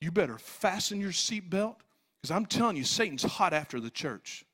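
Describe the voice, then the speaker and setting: An older man, a pastor preaching a sermon, swinging between loud pleading and hushed low asides, repeating words for emphasis. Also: very animated, moderate pace, husky.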